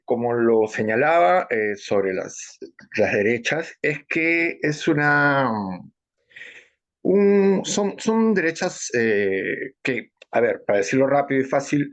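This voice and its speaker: A man, a guest analyst presenting political ideas in a loose spoken lecture, full of fillers and restarts. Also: mid-range voice. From Peru. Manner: hesitant, many fillers and restarts.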